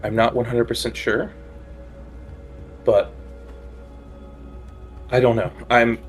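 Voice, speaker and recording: Slow, halting man playing a tabletop game. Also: medium pitch, flat delivery, faint music behind. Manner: halting, hesitant. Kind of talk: casual improvised tabletop role-play.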